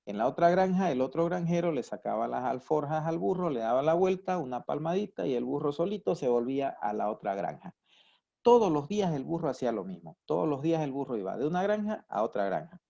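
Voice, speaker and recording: A man's voice: on the high side, very animated, fairly quick, gravelly, warm tone, lo-fi sound. A man giving a psychology lecture who explains with everyday examples and keeps checking that his students follow. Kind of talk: recorded university lecture.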